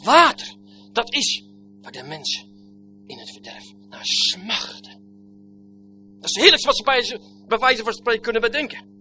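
A man preaching a sermon with old-fashioned biblical phrasing, swinging between loud exclamations and hushed, near-whispered lines. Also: very high voice, wildly swooping pitch, moderate pace, long pauses, faint music behind.

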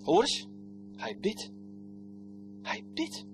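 A man preaching a sermon with old-fashioned biblical phrasing, swinging between loud exclamations and hushed, near-whispered lines. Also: fairly low pitch, huge pitch swings, extremely slow, music in the background.

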